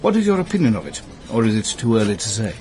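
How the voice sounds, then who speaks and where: In a British radio drama, an actor plays a courteous, solitary gentleman who speaks formally and precisely with a gently instructive manner. His voice is on the low side, very fast, with huge swings in pitch.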